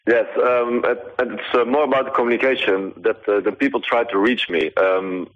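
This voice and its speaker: A man's voice: medium pitch, steady tone, a little fast. A man from the Netherlands with a Dutch accent, a video artist answering interview questions over the phone, hesitant and full of ums. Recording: poor phone line.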